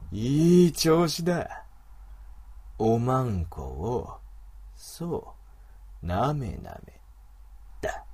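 A man voicing a domineering, mocking male wolf creature in an adult audio drama, with rough, commanding speech. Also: fairly high pitch, dark tone, full character voice.

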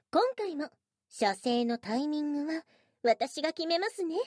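A woman playing a mocking, high-voiced young witch. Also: animated, slow, a little mellow, no room sound, clean studio sound. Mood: teasing.

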